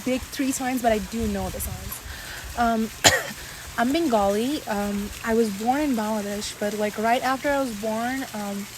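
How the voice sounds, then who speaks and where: A chatty young woman in her twenties talks through a casual about-me vlog, confiding and full of fillers. Her voice sits a little high. A steady hiss of noise runs under the recording. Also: a little slow. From Saudi Arabia. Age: 20s. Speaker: content creator.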